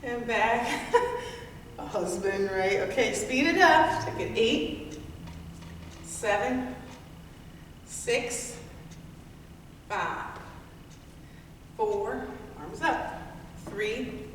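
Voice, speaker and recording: A woman's voice: mid-range voice, expressive, drawn-out words, long pauses, fairly bright tone. A woman leading a workout class, counting down and giving cues in an encouraging, playful way. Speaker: group fitness instructor. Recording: echoey hall, distant mic, faint noise.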